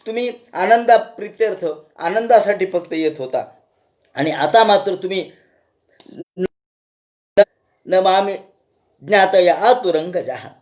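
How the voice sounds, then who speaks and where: A weary elephant king begs his family to pull him free, as a male storyteller puts him on. He sounds reproachful and worn out, his pleas pitched fairly high. The scene comes from a spoken devotional story. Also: expressive, a little slow, long pauses, darkish tone. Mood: pleading, reproachful. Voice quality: pleading, reproachful. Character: desperate male elephant king, exhausted, pleading.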